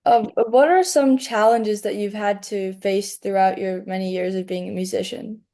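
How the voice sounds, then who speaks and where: A polite young woman asks interview questions in a mellow, soft voice. Her pitch sits in an ordinary middle range. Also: fairly even intonation, normal speed.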